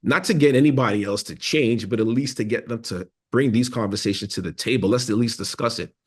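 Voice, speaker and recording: A man's voice: medium pitch, a little fast, slightly rough. A man speaking as a podcast guest, telling his story in an earnest, reflective conversational way. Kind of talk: conversational interview.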